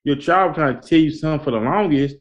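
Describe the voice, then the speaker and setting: A man's voice: on the high side, quick pace, muffled recording. A man hosting a talk in a colloquial, preacherly style, repeating his points to urge listeners on. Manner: repetitive, exhorting, colloquial. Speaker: host. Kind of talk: conversational talk, motivational preaching.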